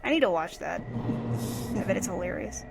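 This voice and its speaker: A woman's voice: fairly low pitch, lively intonation, brisk, gravelly. A woman co-commentating on a video game in a casual, wry, conversational way. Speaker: let's play co-commentator. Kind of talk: casual gameplay chat. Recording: game music behind the voice.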